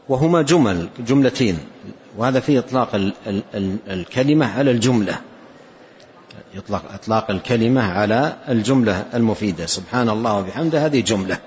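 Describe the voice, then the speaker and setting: A man's voice: on the low side, darkish tone. An older man with a Saudi accent giving an Islamic religious lesson, explaining a text and often repeating his key phrases for emphasis. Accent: Saudi Arabian. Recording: dull lo-fi lecture recording.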